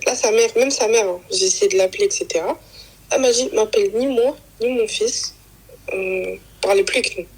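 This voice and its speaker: A woman's voice: medium pitch, a little fast, slightly rough, low-quality recording. A young woman casually telling a personal story, rambling with fillers and acting out quoted lines. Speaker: guest telling her story.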